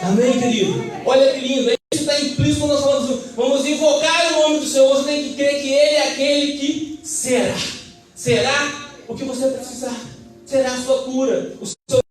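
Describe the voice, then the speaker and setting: A man's voice: very high voice, fairly even intonation, normal speed, music in the background. A man with a Brazilian Portuguese accent preaching a fervent sermon and calling for amens from the congregation. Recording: echoey church hall, mic at a distance.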